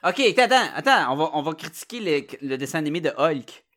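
A man's voice: a little high, very animated, fast, fairly bright tone. A man with a Quebec French accent hosting a casual chat in a colloquial, rambling way.

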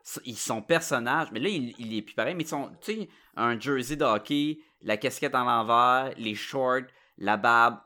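A man's voice: medium pitch, moderate pace, few pauses, bright, forceful tone. A man with a Quebec French accent hosting a casual chat in a colloquial, rambling way.

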